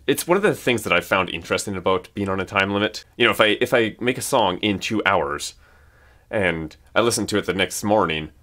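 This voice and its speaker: Low-voiced man, rambling and hesitant. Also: bright, forceful tone. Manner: rambling, hesitant, many restarts. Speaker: music creator. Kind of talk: casual commentary video.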